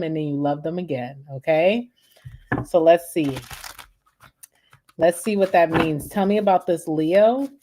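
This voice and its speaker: Warm, low-voiced woman, chatty tarot reader talking to viewers. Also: a little hiss or hum. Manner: chatty, addresses viewers as guys and y'all. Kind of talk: casual tarot reading to viewers.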